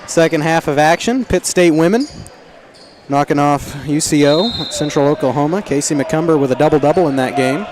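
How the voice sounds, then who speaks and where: Guy doing basketball play-by-play in a gym, bit high voice, lots of noise behind. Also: a little fast. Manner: chatty, wry asides about the team. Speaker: play-by-play commentator. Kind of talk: live sports commentary. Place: school gymnasium at a basketball game. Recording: noisy gym ambience.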